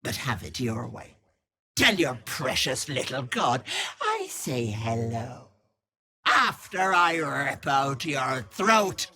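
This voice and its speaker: An actress playing a sinister old hag who poses as a kindly auntie in a video game, cooing mocking endearments in a theatrical way. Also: female voice, very deep voice, very animated, slow pace, sharp tone, breathy edge, full character voice. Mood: menacing. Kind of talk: video game character acting.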